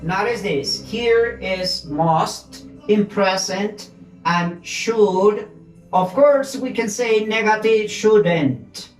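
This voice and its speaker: A woman teaching an English grammar lesson, explaining slowly and switching between English and as she drills words. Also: mid-range voice, echoey room, soft background music, rough recording.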